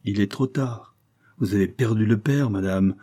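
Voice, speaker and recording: A man's voice: on the low side, moderate pace, slightly rough. A man reading an audiobook, voicing a scheming, coldly polite marquis who sneers and presses his threats. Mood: menacing. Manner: sneering, insistent, rising to forceful outbursts.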